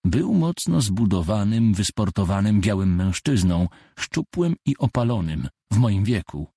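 Deep husky male audiobook narrator. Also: dry recording, studio quality. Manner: measured, deadpan. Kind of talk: first-person audiobook narration.

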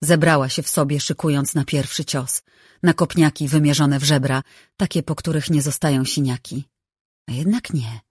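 An audiobook narrator reading a novel in a measured, even way on a close microphone. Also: medium pitch, husky, no room sound.

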